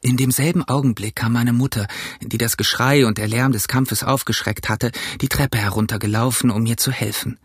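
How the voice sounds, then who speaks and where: A man narrating an audiobook in a steady, measured storytelling manner. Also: medium pitch, husky, dry recording, clean studio sound. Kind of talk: audiobook reading.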